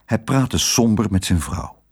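A man narrating a children's audiobook with very expressive, lively storytelling. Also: on the low side, measured pace, husky.

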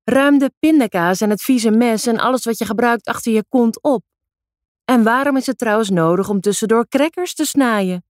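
A nagging mother in a storybook reading, her voice pitched up and reproachful, as a woman reader puts her on. The sound is close and dry, with no room around it. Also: moderate pace, no echo, close to an everyday voice. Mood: scolding. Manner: reproachful, raised voice. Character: nagging middle-aged mother scolding her teen daughter.

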